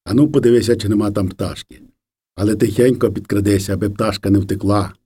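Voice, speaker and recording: A man's voice: on the low side, fast talker, warm tone, husky, voice pushed down. A man voicing a teasing peasant farmhand who coaxes a crying child. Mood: soothing, sly. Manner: coaxing, teasing. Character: good-humored peasant mowing hand, playful joker.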